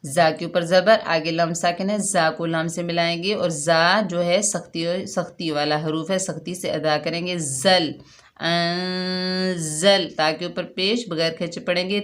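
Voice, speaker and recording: Woman teaching quran reading, slightly low voice, patient, repeats every rule, stretches the syllables out slow when she demonstrates. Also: fairly even intonation. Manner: slow, drawn-out syllables when modelling recitation. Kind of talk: step-by-step recitation lesson.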